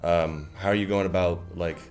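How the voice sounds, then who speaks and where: Very deep-voiced chatty stream host. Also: male voice, steady tone, normal speed, a little mellow, faint music behind. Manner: upbeat, chatty, lots of affirmations. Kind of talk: livestream interview hosting.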